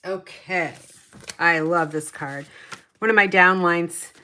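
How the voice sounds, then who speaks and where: Slow and lowish with a sharp tone, a middle-aged papercraft demonstrator narrates her tutorial chattily. She mutters to herself as she works.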